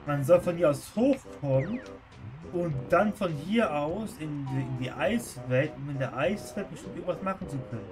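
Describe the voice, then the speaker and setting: A man's voice: fairly high pitch, animated, normal speed. A man giving casual live commentary as he plays a game on stream. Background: video game music.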